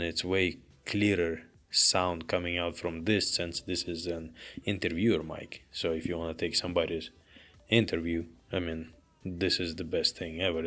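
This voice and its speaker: Filmed on camera in a small office, a young man with a very deep, low voice reviews products in a casual vlog. He talks in a flat, barely rising tone, chatty and loose, restarting often and keeping his phrasing plain, picked up closely by a handheld reporter mic and a lavalier.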